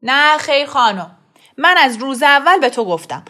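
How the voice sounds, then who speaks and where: A woman reading aloud plays an enraged middle-aged father, anxious about his standing and harsh toward his family. His lines come loud and high-strung, raised in a running, scolding quarrel, in a storybook reading. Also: lively intonation. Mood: angry, scolding. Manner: shouting angrily, scolding.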